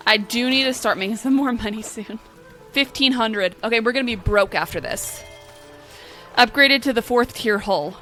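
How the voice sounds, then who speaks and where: A woman's voice: on the high side, pushed and bright, soft background music. A woman giving playful, chatty gameplay commentary and reading game text aloud. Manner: chatty, playful, quick asides. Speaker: gaming video creator.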